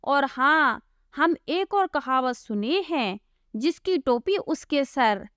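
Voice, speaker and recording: A woman's voice: high voice, animated, slow, fairly bright tone, no room sound, studio quality, exaggerated voice. A woman voicing Gabru, a simple-hearted young village laborer, talking earnestly and pleading.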